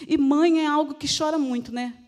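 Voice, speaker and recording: A woman's voice: high voice, fairly even intonation, normal speed, a little mellow. A middle-aged woman with a Brazilian Portuguese accent preaching a sermon in an emotional, pleading way, repeating phrases for emphasis. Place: church. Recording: church hall reverb.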